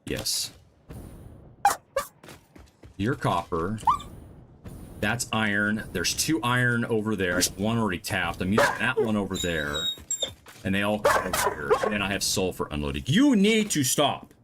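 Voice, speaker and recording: A man's voice: lowish voice, unhurried, pauses often, heavy background noise. A man streaming a game live from home, chatting casually and thinking aloud as he plans his builds. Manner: thinks aloud, muttering to himself while planning. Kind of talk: casual gameplay commentary.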